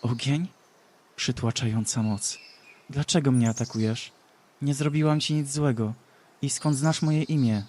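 A man voicing a proud young goddess heroine who speaks loudly and commandingly in a fantasy storybook reading. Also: medium pitch, fairly even intonation, moderate pace, slight background noise, lightly acted. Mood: indignant.

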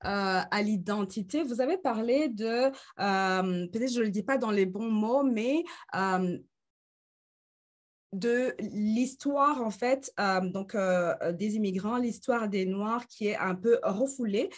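Seated indoors before a green screen, a woman in her thirties talks into her webcam while moderating an online conference discussion over video call. She speaks slowly in a mid-range voice and frequently hesitates, leaning on fillers.

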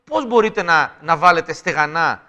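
A man's voice: on the high side, animated, sharp tone, highs cut off. A man of about forty interviewing a guest, insistent, echoing and prompting as he goes. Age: around 40. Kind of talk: interview questioning. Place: indoor room with icons. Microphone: lapel mic.

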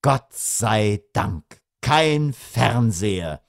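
A man's voice: fairly low pitch, expressive, normal speed, no room sound, studio quality, lightly acted. A man reading an audiobook voices an irritable, grumbling middle-aged father who protests indignantly.

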